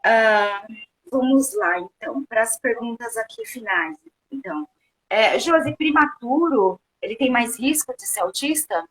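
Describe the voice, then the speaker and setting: A woman's voice: a little high, animated, measured pace, low-quality recording. Chatty woman host asking questions. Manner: conversational, restarts and corrects herself. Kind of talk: interview questions, casual chat.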